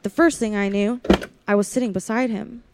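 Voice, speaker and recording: Acting in a 1940s-style radio play, a woman narrates in first person as a young, lonely drive-in waitress who is confiding but wary, with a wistful mood. Her natural mid-range voice is brisk and steady in tone, set against a noisy background.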